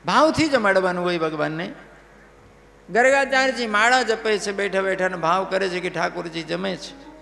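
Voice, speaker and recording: A man telling a devotional story as a sermon, animated and checking in with listeners. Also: high-pitched, normal speed, vocal fry, slight background noise. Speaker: religious storyteller. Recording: live hall reverb, faint music.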